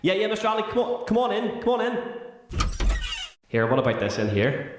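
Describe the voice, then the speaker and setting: A man hosting a school podcast in a scripted comedy sketch, with a brisk, teasing, chatty manner. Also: high voice, very animated, heavy reverb, a little hiss or hum. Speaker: teacher and podcast host.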